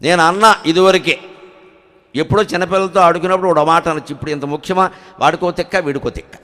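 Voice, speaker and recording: A man giving a live religious discourse to an audience, telling a story with much drama, acting out the characters and chanting verses slowly. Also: on the high side, fairly even intonation. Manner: dramatic storyteller, acts out quoted characters, swings between loud and soft. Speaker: spiritual discourse speaker. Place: large public hall with an audience. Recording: long reverb of a large hall.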